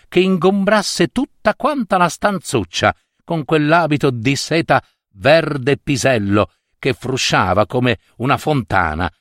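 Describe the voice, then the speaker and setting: A man reading a literary short story aloud in an expressive, theatrical way. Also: mid-range voice, no room sound, clean studio sound. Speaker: narrator.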